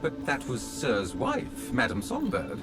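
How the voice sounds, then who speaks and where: Polite butler robot. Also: male voice, medium pitch, huge pitch swings, measured pace. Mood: fawning. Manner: formal, obsequious, addresses master as sir. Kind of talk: video game dialogue. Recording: game audio with background music.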